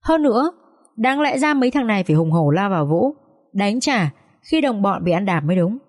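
A woman narrating a dramatic audiobook story with steady, expressive delivery. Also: mid-range voice, fairly quick.

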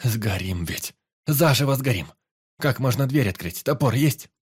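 Casting: male reader doing a scared young teacher trapped by fire, hoarse, urgent, pleading. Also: sits low, lively intonation, a little fast, no echo, studio quality, exaggerated voice. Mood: panicked. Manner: urgent, frightened, whispering hoarsely. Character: panicked young village teacher.

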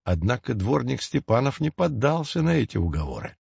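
A man narrating a fairy tale audiobook with expressive storytelling. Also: medium pitch, fairly quick, vocal fry, slightly rough, no room sound. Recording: dull lo-fi dry recording.

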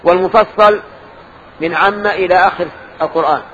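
An older man teaches a lesson in a mosque, asking his students questions and correcting their answers. His voice sits high for a man. The recording is dull and lo-fi, with a faint hiss underneath. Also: fairly even intonation, fairly quick, a bit bright. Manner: quizzing students, correcting them, explaining. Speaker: religious teacher.

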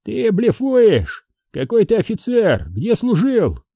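A man voicing a hot-headed young male enemy soldier who shouts defiantly and drags out his words. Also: high voice, wildly swooping pitch, dry recording, pitched above the performer's own voice, heavily acted. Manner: shouting, defiant, slow and drawn out.

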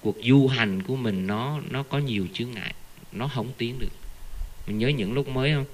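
A man giving an informal Buddhist dharma talk, telling stories with animated, earnest emphasis. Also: mid-range voice, normal speed. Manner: animated, earnest storyteller who keeps repeating the Buddha's name. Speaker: Buddhist lay teacher.

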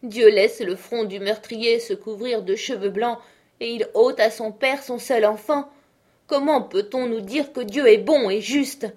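A woman voicing a grief-stricken old father who cries out in loud, anguished bursts, wild with sorrow and rage. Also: on the high side, measured pace, pitched above the performer's own voice.

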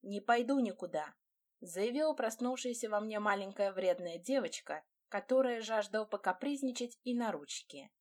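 A woman's voice: medium pitch, lively intonation, normal speed. A woman reading a first-person fantasy romance audiobook with dramatic expression. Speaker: audiobook narrator.

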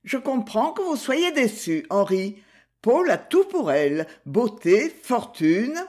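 A reader voicing an anxious, prim older society mother in an audiobook, in a high and fluttery tone. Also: big pitch swings, measured pace, a little mellow. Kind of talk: audiobook character reading.

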